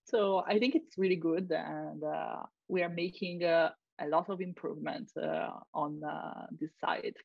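A woman's voice: deep voice, steady tone, unhurried, creaky, hardly any pauses, no room sound, highs cut off. A woman with an Italian accent, a guest journalist speaking English hesitantly with many fillers and frequent laughs in a casual interview. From Italy. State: sleepy.

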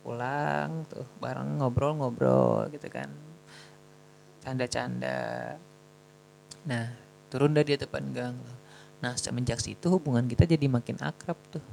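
A young man tells a story from his own life in a loose, chatty way, full of slang and jokes at his own expense. His low, gravelly voice stays at an ordinary middle pitch, and a faint hiss sits under the recording. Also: very animated, measured pace, pauses often, darkish tone, poor audio. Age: young adult. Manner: chatty, slangy, self-mocking. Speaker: student telling a personal story. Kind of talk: casual storytelling.

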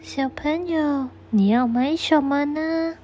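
A gentle, kindly shop assistant speaking to a small child, as a woman plays her. Her voice is slightly high and slow. The medium is a children's storybook. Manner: gentle, kind.

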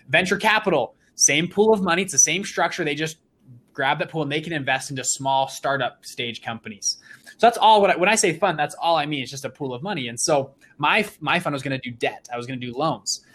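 A man's voice: fairly high pitch, fairly quick. A young man in his twenties, an interview guest, telling his story with energy and enthusiasm. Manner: energetic, enthusiastic, with frequent restarts.

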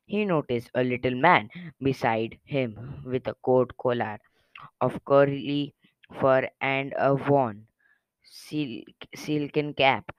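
A man's voice: medium pitch, slow, clear, resonant tone, no room sound, low-quality recording. A man reading a short story aloud in a plain way, with occasional slips and restarts. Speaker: reader.

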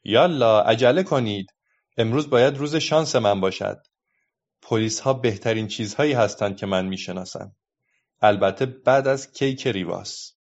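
A man voicing a cheeky, quick-witted little girl who talks playfully, in a dull lo-fi recording. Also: fairly low pitch.

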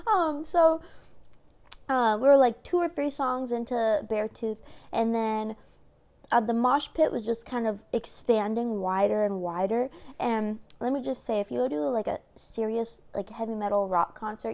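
A woman's voice: a little high, gravelly, darkish tone. A young woman vlogging in a casual, rambling way, telling stories with lots of fillers. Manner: chatty, laid-back storytelling with lots of fillers. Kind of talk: casual chat.

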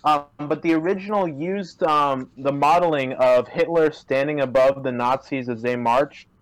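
A man's voice: fairly high pitch, normal speed, low-quality recording. A man chatting casually on a call, rambling and hesitant, with many fillers and restarts. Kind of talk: casual chat. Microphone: remote call.

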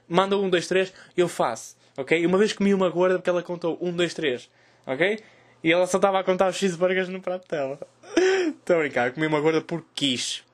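Fast, high-voiced young European Portuguese man. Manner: animated, crude joking, loud cries in retold scenes. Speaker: host. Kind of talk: casual comic storytelling.

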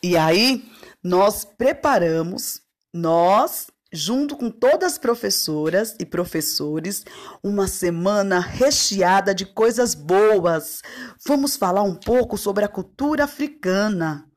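A woman's voice: mid-range voice, lively intonation, slow. A woman, a preschool teacher talking in a playful, singsong way to young children. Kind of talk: lively talk to young children.

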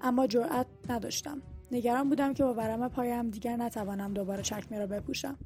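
A woman narrates an audiobook in a measured reading voice, slightly high for a woman. Clear music plays underneath her throughout. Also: steady tone, warm tone. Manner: reads all characters herself, dialogue lightly voiced. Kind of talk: scripted narration over music. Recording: music bed behind the voice.

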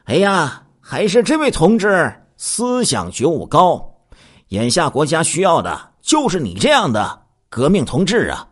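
A man voicing a smooth-talking young male con man who speaks in a suave, flattering, confident way. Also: mid-range voice, moderate pace, pauses often, voice pushed up, full character voice. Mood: suave, reassuring.

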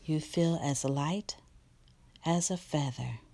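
A woman guiding a relaxation meditation in a soft, slow, partly whispered delivery. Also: sits low. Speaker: meditation guide.

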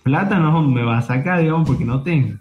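A man's voice: fairly high pitch, a little fast, soft background music. A young man with an Argentine accent, a guest on a remote call, telling his story in a reflective way full of fillers. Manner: reflective, hedging with frequent fillers. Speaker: interview guest. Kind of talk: casual conversation. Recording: tinny phone-like line.

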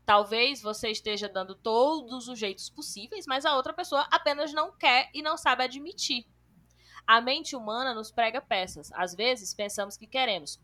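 A woman hosting a podcast, reading listener comments aloud and chatting, running one thought into the next with hardly a pause. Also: fairly high pitch, sharp tone. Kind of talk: casual chat.

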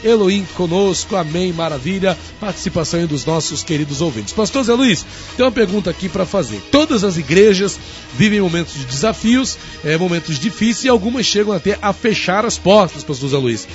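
High-voiced Brazilian radio host. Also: male voice, lively intonation, fairly quick. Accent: Brazilian Portuguese. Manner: formal, devotional, reads listener greetings. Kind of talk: radio interview hosting. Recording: dull radio broadcast, faint music.

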